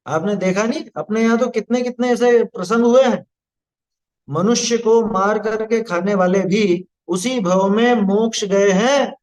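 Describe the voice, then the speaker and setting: A man giving a spoken religious discourse as a scripture teacher, explaining patiently and often checking with listeners that they follow. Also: high-pitched. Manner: explains patiently, asks listeners "है ना?" and "आया समझ में?".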